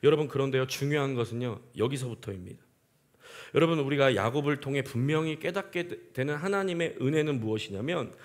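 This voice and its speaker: A man's voice: on the high side, fairly bright tone. A man preaching a sermon, putting rhetorical questions to the congregation and rising to emphatic peaks. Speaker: pastor.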